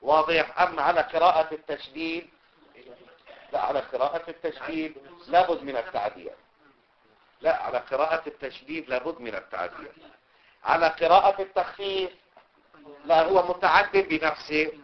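A male teacher, going through a classical text line by line, repeating points and asking his students whether it is clear. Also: on the high side, a little fast, long pauses. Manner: repeats points and checks understanding. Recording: dull lo-fi recording.

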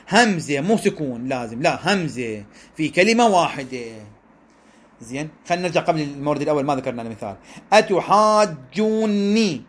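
A man with an Iraqi accent teaching a lesson on the rules of Quran recitation, explaining step by step and often checking in with his listeners. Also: on the high side. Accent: Iraqi Arabic. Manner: explanatory, checks in with listeners, draws out examples slowly. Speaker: religious teacher.

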